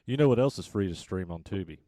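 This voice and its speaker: Podcast co-host, male, low voice, teasing and eager, dry close mic. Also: animated, fast talker, dark tone, no room sound. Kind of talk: casual podcast chat.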